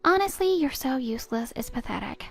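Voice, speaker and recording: A woman's voice: high-pitched, very animated, fairly quick, slightly rough, soft background music, exaggerated voice. A woman voicing a spiteful stepdaughter in her twenties who sneers and cuts down her stepmother. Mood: scornful. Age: 20s. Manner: sneering, cutting, contemptuous. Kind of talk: text-story voice acting.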